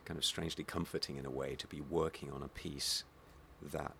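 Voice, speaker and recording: A man's voice: extremely low pitch, little pitch movement, brisk, vocal fry, fairly bright tone, slight background noise. A man with a Home Counties English accent, speaking thoughtfully and a little hesitantly as an actor being interviewed. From Hertfordshire, England. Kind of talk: reflective interview conversation.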